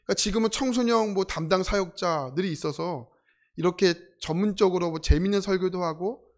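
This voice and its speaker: A man's voice: sits high, brisk. A middle-aged man from South Korea preaching a sermon, telling stories with humor and acting out the voices of people in them. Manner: animated, acts out quoted voices. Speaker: pastor.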